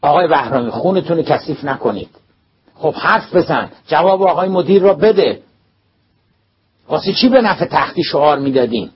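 A man voicing a stern male geometry teacher who presses a pupil firmly while calming the principal, recorded dull and lo-fi. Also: fairly high pitch, pitched above the performer's own voice, natural voice. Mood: pressing. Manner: firm, pressing, mediating. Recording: dull lo-fi recording, faint hiss.

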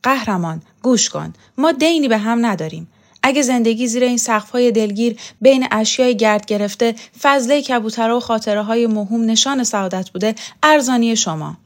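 A woman reading a novel aloud, voicing a proud, wounded elderly woman who speaks in shrill, indignant bursts. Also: close to an everyday voice. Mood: furious.

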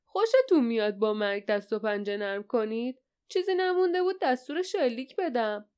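A woman voicing a small, wiry, boisterous man who teases and calls out loudly in an audiobook. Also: on the high side, very animated, clear, resonant tone. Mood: teasing. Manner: teasing, loud and gleeful. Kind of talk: audiobook character voice.

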